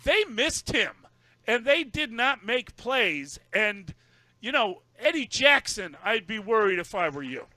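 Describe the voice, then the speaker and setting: An emphatic male radio host weighs in on the postgame show. His voice is high and bright, and the sound is close and dry. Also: big pitch swings, measured pace, no echo. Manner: emphatic, pointed opinions.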